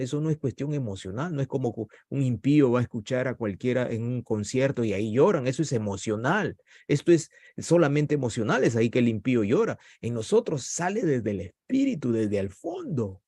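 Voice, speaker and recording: A man's voice: gravelly, a little mellow, slightly rough, dry recording, clean studio sound. A man preaching a sermon with passion, his voice rising sharply at points of emphasis. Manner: impassioned preaching with sudden rises in pitch. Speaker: pastor.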